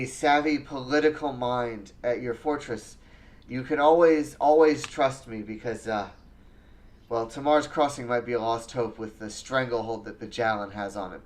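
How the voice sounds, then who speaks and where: A man voicing a persuasive woman politician in a tabletop game, with halting restarts. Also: medium pitch, lightly acted. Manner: eager, persuasive, hesitant restarts. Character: smooth-talking woman politician NPC.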